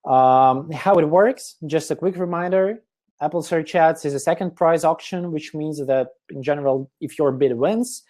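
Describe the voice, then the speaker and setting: A man with a slightly high voice gives a webinar presentation over his computer mic. He walks through each step in a methodical way, with lots of "uh" and "um", and his voice is turning hoarse. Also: dark tone. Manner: explanatory, step-by-step, with frequent fillers and throat clearing. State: voice getting hoarse. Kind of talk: online conference presentation.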